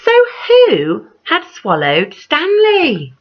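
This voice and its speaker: Her high-sitting voice swoops wildly in pitch as she reads a picture book to children in a teacherly, dramatic, measured way, quizzing the little ones as she goes. The audio is dull and lo-fi.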